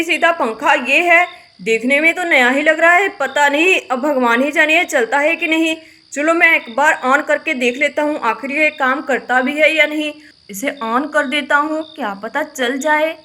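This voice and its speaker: A woman voicing a patient grown brother in a village family, in a doll-play story, speaking lower than her own voice and calmly reassuring. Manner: reassuring, making excuses.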